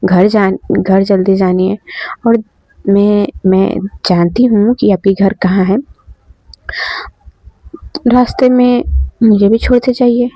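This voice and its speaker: A woman's voice: medium pitch, steady tone, takes it slowly, pauses often, no echo, muffled recording. A woman doing a cheeky teasing student girl. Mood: teasing pleading. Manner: teasing, pleading, playful.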